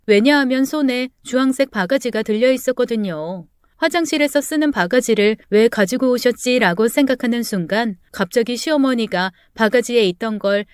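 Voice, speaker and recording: Clear-voiced woman storyteller. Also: a little high, no room sound, clean studio sound. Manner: steady, plain storytelling tone. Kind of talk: scripted narration of a true story.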